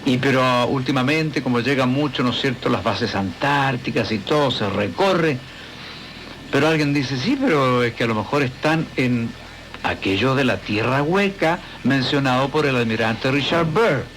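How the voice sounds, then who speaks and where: A man's voice: mid-range voice, normal speed, a bit bright, slight background noise, rough recording. A man hosting a radio talk show, interviewing a guest in a rambling, conversational way with many asides. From Chile.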